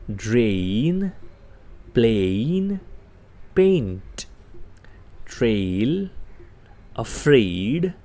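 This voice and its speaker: A man teaching English pronunciation, repeating each word slowly so learners can say it after him. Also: medium pitch, mellow. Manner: slow, repeats words for learners to echo. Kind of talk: spoken English lesson.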